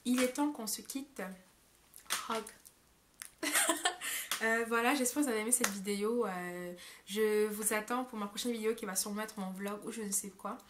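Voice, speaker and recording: A woman's voice: mid-range voice, normal speed, long pauses, fairly bright tone. Young woman vlogger, casual rambling delivery full of fillers, mid-range voice, faint background noise. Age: young adult. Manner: rambling, many hesitations and self-corrections. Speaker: au pair vlogger. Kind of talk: casual vlog monologue.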